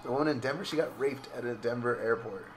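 A man's voice: medium pitch, fast talker, soft background music. A young man chatting casually over gameplay as a commentator, swearing freely and laughing at his own remarks.

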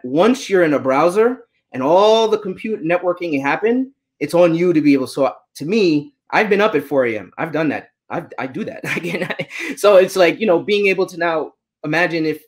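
A man in his forties answering questions as a guest on a video call, talking with animated gestures from a small room at home. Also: mid-range voice. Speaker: guest speaker, data engineer. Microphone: laptop webcam on video call.

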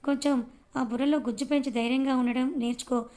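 A woman's voice: sits high, fairly even intonation, fast, dark tone, lightly acted. A woman voicing an angry, domineering young husband and boss who scolds harshly, in a storybook reading. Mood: scolding.

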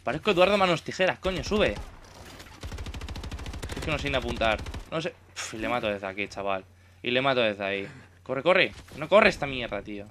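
A man's voice: mid-range voice, animated, a little fast, pushed and bright, a little hiss or hum. A young man with a Spain Spanish accent, commentating his own gameplay casually, swearing and exclaiming at the game. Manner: swearing, exclamatory, self-mocking. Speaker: gaming YouTuber.

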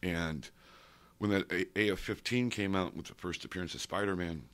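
A man in his sixties who collects comics sits for a rambling oral-history interview in an indoor studio with a painted backdrop, a stand mic close in front of him. Having grown up abroad in Saudi Arabia, Africa and India, he tells long, digressive stories and loses track of the question. His voice is low-pitched with a fairly bright tone, at normal speed.

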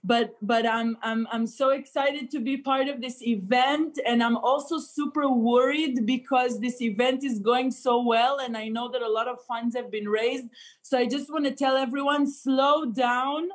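Chatting comically over a video call through her laptop webcam, this Israeli woman comedian fills her talk with plenty of fillers. Her voice is fairly high and steady, a little slow, and she's in an indoor room.

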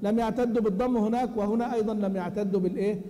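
Male teacher, high-pitched, quizzes students and chants verses, long hall reverb. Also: fairly even intonation, rapid-fire, dark tone. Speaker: Quran recitation teacher. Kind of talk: classroom lesson explaining a text. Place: large mosque hall.

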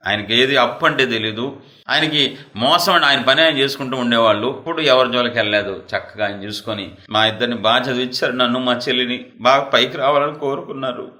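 A pastor delivering a fervent sermon in a very bright, forceful voice. He rises into loud, passionate outbursts and then drops into low, quiet asides.

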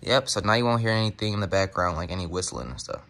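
A man's voice: low-pitched, fast, a bit bright. A young American man chatting casually for a vlog in slangy, offhand speech, often saying bro and man. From Texas, United States. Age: young adult. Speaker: vlogger. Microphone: phone at arm's length. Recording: noisy handheld phone recording, vehicle and outdoor noise.

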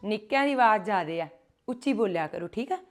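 A woman teaching a children's Punjabi class, calling out words slowly and loudly for the children to repeat. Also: mid-range voice, lively intonation. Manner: slow, loud, drawn-out syllables for children to repeat. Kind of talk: call-and-response class teaching. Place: gurdwara classroom.

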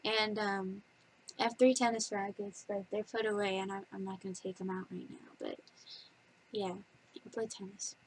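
Her mid-range voice is flat and moderately paced, and the rough recording has a little hiss or hum. She is a vlogger in her twenties making a casual facts-about-me video in her bedroom, giggly and rambling with lots of fillers, heard through a webcam at desk distance.

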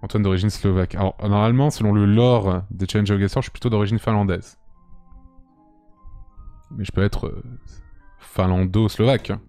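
Speaking into a close headset boom mic, this young French live streamer chats casually and thinks aloud while gaming, with music running underneath. His voice is low, smooth and dark, steady in tone, and he talks briskly but leaves long pauses.

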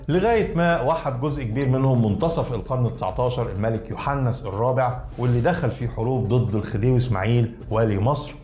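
A man's voice: mid-range voice, a little mellow, roomy sound. A man with an Egyptian Arabic accent giving a scripted educational narration, explaining things and addressing the listeners directly.

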